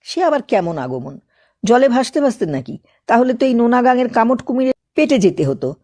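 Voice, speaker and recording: A woman reading a literary Bengali novel aloud in a measured, reflective narrating voice. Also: fairly high pitch, very animated, warm tone. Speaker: audiobook reader.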